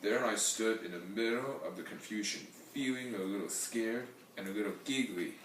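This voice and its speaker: A man reads a children's storybook aloud with lively expression. His voice sits low. He sounds distant from the mic in a very echoey room. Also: moderate pace, slight background noise. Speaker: storybook reader. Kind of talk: reading a picture book aloud. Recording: very echoey room heard from afar.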